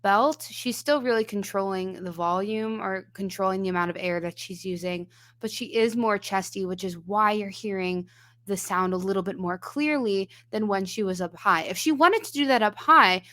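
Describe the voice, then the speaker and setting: A woman's voice: medium pitch, moderate pace, a bit bright. Woman voice teacher breaking down technique. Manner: analytical, explains singing technique step by step. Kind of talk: reaction commentary on a singing clip.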